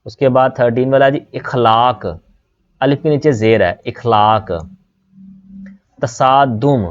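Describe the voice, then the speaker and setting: A man from Pakistan who teaches online, walking his students through exam questions one word at a time and often saying "beta" and "theek hai". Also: medium pitch. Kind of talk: exam-prep lesson, word by word. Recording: slightly dull lo-fi audio.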